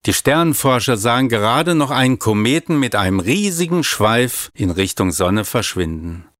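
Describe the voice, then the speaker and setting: A man calmly reading a children's story aloud. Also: medium pitch, normal speed, no echo, clean studio sound. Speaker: narrator.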